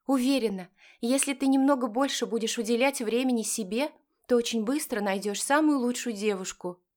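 A woman voicing a gentle, hopeful young woman who speaks softly. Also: fairly high pitch, fairly quick, voice pushed up, natural voice. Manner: soft, warm, hopeful.

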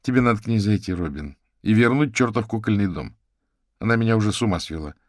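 A man voicing a lively, outspoken older sister who banters and teases, read as part of an audiobook. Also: on the low side, no room sound, clean studio sound, voice pushed up, lightly acted. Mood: bantering. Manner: brisk, bantering. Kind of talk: audiobook character reading.

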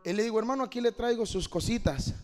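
A man pastor preaching a sermon, moving from quiet talk to shouted fervor and often calling the listener "mi hermano". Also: very high-pitched, fast talker, faint music behind. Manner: peppers lines with "mi hermano". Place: church hall. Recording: long hall reverb.

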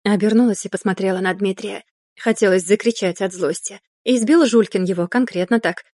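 A woman narrating a first-person novel in an expressive, wry way, close to a studio mic. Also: medium pitch, brisk, dry recording. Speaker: audiobook narrator.

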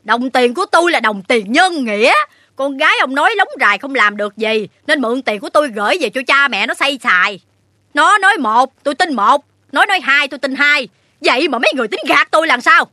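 A voice actor playing a stout, sharp-tongued loan-shark woman who mocks and yells, in a story reading. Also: high voice, lively intonation, fairly quick, dry recording, clean studio sound. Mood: scornful. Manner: sharp-tongued, mocking, yelling.

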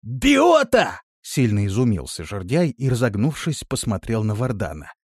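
A man narrating a fantasy audiobook with an expressive reading. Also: on the low side, normal speed, slightly rough, dry recording, studio quality.

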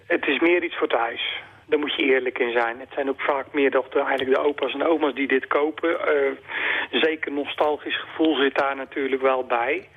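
A man's voice: medium pitch, steady tone, moderate pace, breathy edge. A man, a bookseller talking hesitantly with many fillers and restarts in a radio interview over the phone. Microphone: telephone. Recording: tinny phone line.

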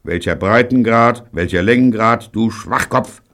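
An exasperated grown man, as the narrator puts him on in a storybook reading, scolding impatiently in a raised, husky voice. He sounds short-tempered and incredulous. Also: on the low side, very animated, moderate pace, voice pushed up. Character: exasperated adult man on the radio.

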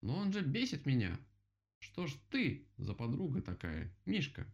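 A man voicing a grumpy, quick-tempered male rabbit in a children's story, whiny and irritable. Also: mid-range voice, huge pitch swings, gravelly, pitched above the performer's own voice. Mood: sulky. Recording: dull lo-fi recording.

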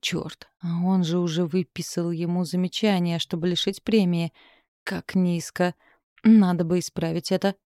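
This is a woman reading an audiobook in a steady, measured way. Her voice is fairly low, and the recording is dry and studio quality.

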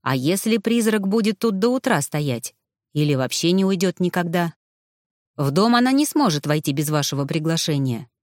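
A woman voicing a calm, patient male mage who coaxes a frightened girl. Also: moderate pace, no room sound, studio quality, close to an everyday voice. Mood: calm persuasive. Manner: calm, coaxing, low-pitched.

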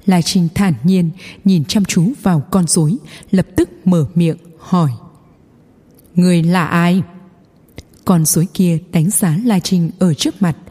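A woman's voice: fairly low pitch, mellow, breathy edge. A woman reading a scripted fantasy story as an audiobook narrator. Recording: long hall reverb.

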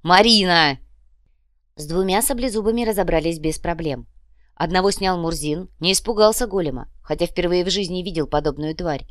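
A woman reading an audiobook in a steady, dramatic manner. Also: fairly low pitch, a little fast, no echo, clean studio sound. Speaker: audiobook narrator. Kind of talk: scripted narration.

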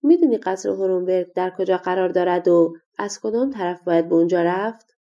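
Woman playing a weary male traveler, slow measured speech, mellow, gravelly. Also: on the low side, dull audio, lightly acted. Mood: earnest.

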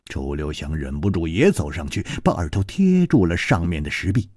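A male storyteller narrates with lively, expressive delivery, and his pitch swings widely. His voice is husky. It is recorded in a dry, close radio studio. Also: moderate pace, no room sound. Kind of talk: traditional Chinese storytelling.

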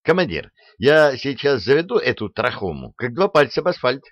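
A man voicing a frantic army engineer captain who yells and rattles off his words, on a dull, dry, lo-fi recording. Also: mid-range voice, sing-song, no room sound, pitched above the performer's own voice. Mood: yelling. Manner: yelling, rattling fast.

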